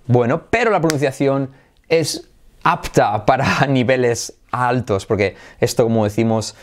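A man's voice: mid-range voice, slight background noise. Man teaching English pronunciation. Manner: explanatory, repeats phrases slowly for practice. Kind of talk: spoken language lesson.

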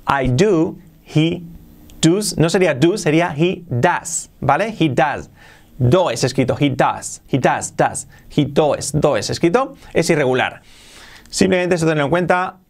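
A man teaching English grammar in casual Spanish, repeating English example sentences slowly and clearly. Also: a little high. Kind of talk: explaining grammar to learners.

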